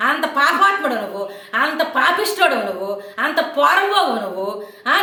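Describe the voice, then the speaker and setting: A woman delivering an angry, scolding rant to camera, taunting and insulting her opponent with sharp questions. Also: high voice, reverberant. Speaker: online commentator.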